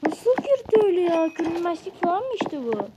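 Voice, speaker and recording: A high-voiced woman hosts a gaming channel, keeping up a lively running commentary and chatting directly to her viewers. She taunts rival players as she plays. There is a clear hiss of noise behind her voice. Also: fairly quick. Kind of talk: excited let's-play commentary. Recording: noisy home recording.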